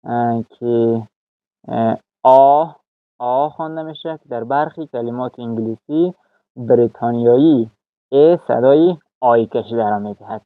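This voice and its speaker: A man teaching English vowel sounds, speaking slowly with many "uh" fillers and repeating each example word. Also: medium pitch, no echo, narrow, tinny audio. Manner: slow, halting, with frequent "uh" fillers. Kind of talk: pronunciation lesson.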